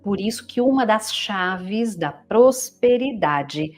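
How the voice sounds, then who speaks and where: A woman's voice: medium pitch, lively intonation, slow, soft background music. A woman with a Brazilian Portuguese accent, a psychologist giving an explanatory teaching talk, patiently checking in with her listeners as she goes. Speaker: psychologist and family constellation teacher.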